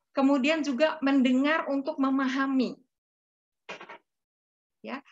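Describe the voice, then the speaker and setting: A woman with a high voice explains parenting skills to an audience of parents, calm and step by step. She keeps checking in with a small "ya" after each point. The recording sounds a little dull and lo-fi. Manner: patient, explanatory, tags sentences with "ya". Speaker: parenting speaker. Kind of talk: lecture to parents.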